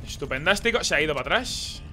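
Excitable gamer man, very bright voice. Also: fairly high pitch, fast, faint music behind. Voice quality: excitable, swears and blurts reactions. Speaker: gaming streamer. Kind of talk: live gameplay commentary.

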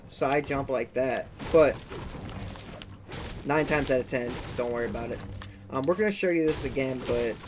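A young man giving a casual gameplay walkthrough as the channel's creator, chatty, often checking in with "okay?" and adding "boom" sound effects. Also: slight background noise. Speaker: gaming tutorial creator.

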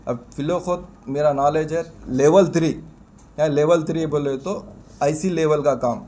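Middle-aged repair trainer. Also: male voice, a little high, unhurried, mellow, slight background noise. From India. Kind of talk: press interview. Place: indoor shop in front of press mics. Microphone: bunch of press mics on table.

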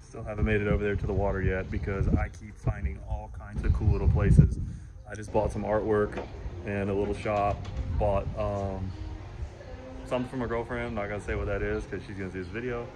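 Man, casual travel vlog, fairly low voice, loud traffic noise behind, handheld camera outdoors. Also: level tone, fairly quick. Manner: chatty, talks to viewers while walking around town. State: out of breath after jogging. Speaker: vlogger. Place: outdoors on city streets.

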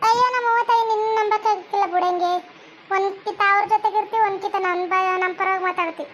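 A lonely village wife, played by a woman in a comedy skit, lamenting in a very high voice. She has a North Karnataka Kannada accent, with faint background noise. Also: steady tone, fast talker, a bit bright, dull audio. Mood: indignant. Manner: mournful, lamenting. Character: lonely village wife pining for her husband.

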